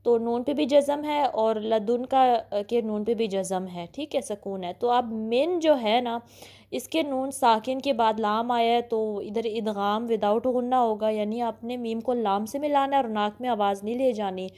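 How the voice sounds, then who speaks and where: एक महिला शिक्षिका, जो धैर्य से धीरे-धीरे तजवीद का उच्चारण सिखाती है और अक्षरों को बार-बार दोहराती है।. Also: female voice, a little high, warm tone. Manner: patient, repeats syllables slowly, often says "okay". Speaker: Quran recitation teacher. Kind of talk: slow step-by-step pronunciation lesson.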